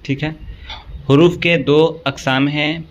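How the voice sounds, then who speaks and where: A male teacher giving an exam-prep grammar lesson. He recites long lists item by item at an even pace and keeps checking in with a quick "okay". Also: fairly high pitch, muffled recording, soft background music.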